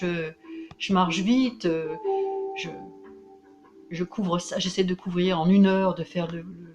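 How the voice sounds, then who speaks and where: A woman from France tells a story straight to camera in a casual vlog. She talks in an excitable, emphatic way, stumbling and restarting as her words pile up. Music plays clearly behind her. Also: fairly low pitch. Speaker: vlogger.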